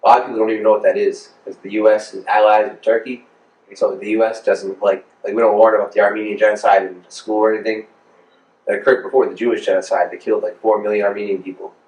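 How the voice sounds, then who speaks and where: Being interviewed as a music producer, a Rhode Island man in his thirties talks quickly in a lowish, darkish voice with a level tone. His casual chat is informal, slangy and rambling, and the off-mic recording echoes around the room.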